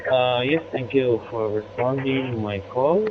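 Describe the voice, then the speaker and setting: A man from Bangladesh making a polite, halting amateur radio contact with call signs over a crackly transmission. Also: mid-range voice. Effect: crackly digital ham radio transmission. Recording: tinny, noisy narrowband radio link.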